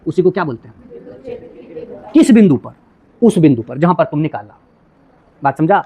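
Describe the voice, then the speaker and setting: A male physics teacher with a fairly high voice and big pitch swings lectures a class at normal speed, the audio sounding dull. He repeatedly asks students whether they've understood and explains things with homely everyday examples.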